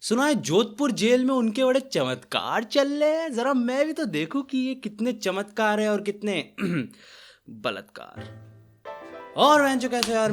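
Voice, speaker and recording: A sarcastic young man hosts a comic reaction video and mocks what he watches with theatrical outrage. His voice sits high and bounces all over. Faint music plays behind him. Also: a bit bright. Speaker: host.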